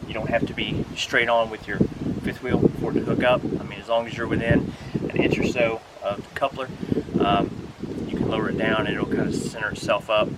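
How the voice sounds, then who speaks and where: Speaking briskly with few pauses, a man with a fairly low voice and little pitch movement explains equipment for his RV vlog in a casual, instructive manner. The walkthrough takes place outside by a pickup truck bed, and the audio is very noisy.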